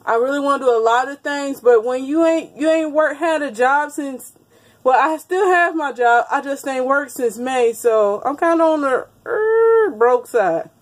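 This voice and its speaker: Woman, 30s, casual vlogger; chatty, laughs a lot, a bit higher voice, phone-camera sound in a small room. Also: animated, a little slow. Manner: chatty, laughs often, talks straight to viewers. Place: small indoor room with wood panelling. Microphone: phone camera held close.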